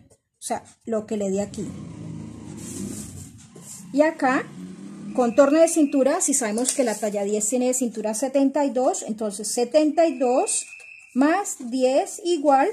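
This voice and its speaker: A woman's voice: high-pitched, slightly rough. A middle-aged woman teaching a sewing pattern-making class, explaining each step patiently and repeating measurements, and calling her students "my girls". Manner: addresses students warmly as "my girls". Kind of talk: step-by-step instructional lesson.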